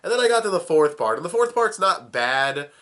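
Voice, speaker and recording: A young man with a stuffy, sick-sounding voice reviews a cartoon on video, swearing and laughing casually. He's a little high-pitched and sing-song, talking slightly fast with a pushed, bright tone.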